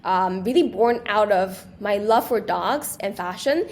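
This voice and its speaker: A woman's voice: mid-range voice, unhurried. A young woman from Taiwan, a guest on an interview show, chatting casually and eagerly with frequent restarts and fillers. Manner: animated, with many restarts and fillers. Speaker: guest, small business creator.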